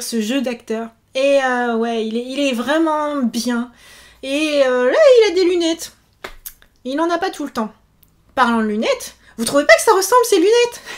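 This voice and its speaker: High-voiced chatty woman vlogger. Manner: chatty, animated, many fillers. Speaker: YouTuber and author. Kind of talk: casual chat vlog.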